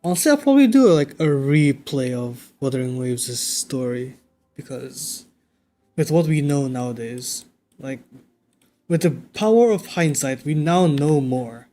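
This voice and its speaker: A man livestreaming a game, talking casually and thinking out loud in a conversational way. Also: mid-range voice, takes it slowly. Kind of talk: casual livestream chat while playing a game. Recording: game music behind the voice. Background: video game music.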